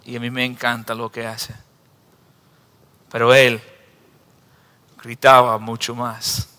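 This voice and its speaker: A man's voice: mid-range voice, completely flat delivery, moderate pace, bright, forceful tone, long reverb tail. A man preaching a sermon in a church who acts out the people he reads about in raised voices. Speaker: pastor.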